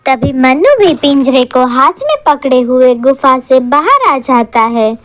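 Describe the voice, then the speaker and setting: Woman narrating a cartoon story, high and really bouncy, dry close mic. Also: a little slow, no room sound. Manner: lively storytelling.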